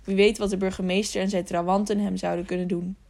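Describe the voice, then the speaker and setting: A woman narrating a children's novel audiobook with a steady storytelling read. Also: medium pitch, fast, vocal fry.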